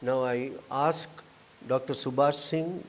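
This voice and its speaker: Speaking slowly with fairly even intonation, an Indian-accented man with a mid-range voice hosts an event as emcee in a convention auditorium. His formal, effusive announcements come with casual asides, captured over a live hall PA with faint ambience and slight background noise.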